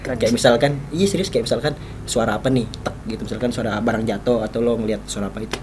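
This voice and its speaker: A man's voice: medium pitch, fast, noisy background. A man telling a ghost story in casual chat, rambling with many restarts. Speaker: podcast co-host telling a story.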